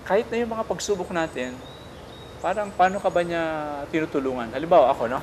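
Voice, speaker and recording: A man, a priest giving a casual spiritual talk, gentle and teaching, often checking in with his listener. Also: a little high, lively intonation, fast talker, slight background noise.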